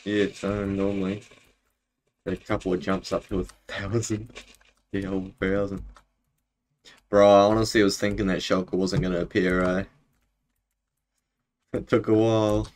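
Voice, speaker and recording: A young game streamer with a broad New Zealand accent chats casually, his low, slightly mellow voice flat and steady at normal speed, with frequent pauses as he rambles in slang. Keyboard and mouse clicks stand out against clear background noise.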